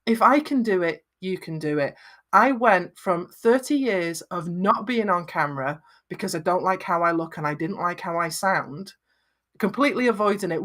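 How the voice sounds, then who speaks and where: A middle-aged woman with a Lancashire accent and very flat vowels, giving encouraging, conversational advice in an interview. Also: mid-range voice. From Lancashire, northwest England. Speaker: video confidence coach and podcaster.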